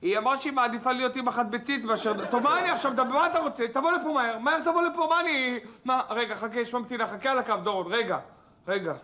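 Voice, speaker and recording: A flustered, high-voiced sitcom guy. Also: background noise. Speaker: sitcom character. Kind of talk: sitcom acting.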